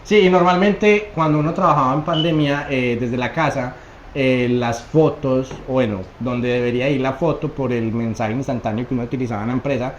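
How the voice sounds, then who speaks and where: A man's voice: mid-range voice, a little fast, dull audio, slight background noise. A man co-hosting a podcast, chatting in a dry, matter-of-fact way. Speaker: podcast co-host. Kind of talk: casual chat. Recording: roomy podcast audio.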